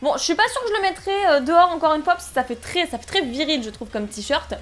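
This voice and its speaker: A woman's voice: sits high, expressive, quick pace. A young woman chatting casually through an unboxing, rambling and giggly, poking fun at herself. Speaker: unboxing vlogger.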